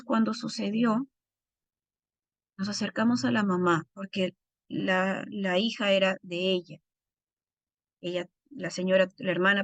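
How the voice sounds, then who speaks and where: A woman's voice: medium pitch, creaky, dry recording. A middle-aged woman teaching a recorded Bible course, speaking earnestly and directly to her listeners.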